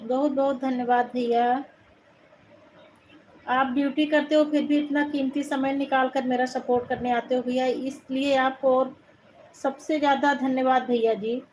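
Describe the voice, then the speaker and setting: This live stream host from Uttar Pradesh, India, speaks Hindi with an Awadhi touch, chatting casually over viewer comments and warmly thanking each person, calling them brother. Her voice sits high with fairly even intonation and an unhurried pace, on a rough recording with slight background noise.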